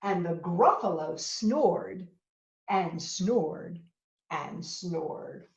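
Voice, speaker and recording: A woman's voice: on the low side, animated, drawn-out words. A woman hosting a children's storytime, reading aloud expressively and speaking directly to young listeners. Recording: echoey room, muffled narrow sound.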